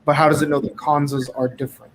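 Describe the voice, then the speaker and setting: A man's voice: a little high, flat delivery, fast, a little hiss or hum, rough recording. A man in the audience asking casual questions and thinking aloud about the answers.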